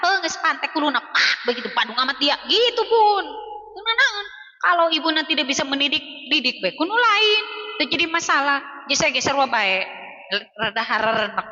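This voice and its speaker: Woman, Sundanese accent, female preacher, emphatic chatty advice, high voice, dull lo-fi phone audio. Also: lively intonation, moderate pace, pushed and bright, long reverb tail. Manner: chatty and emphatic, often addressing listeners as Bun; acts out scolding mothers in little voices. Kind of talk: informal religious advice talk on a live stream. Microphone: phone on a live stream.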